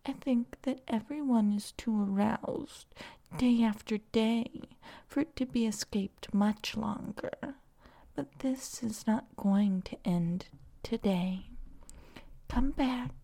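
A woman voicing a seductive female vine creature in a whispered audio roleplay, speaking in a soft, breathy, coaxing way. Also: fairly high pitch, takes it slowly, exaggerated voice.

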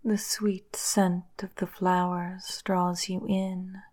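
A woman softly guiding a hypnosis in a lulling, breathy voice that often drops to a whisper, close in the listener's ear. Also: lowish voice, level tone. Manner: slow, soothing, lulling delivery. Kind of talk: whispered guided hypnosis, ASMR.

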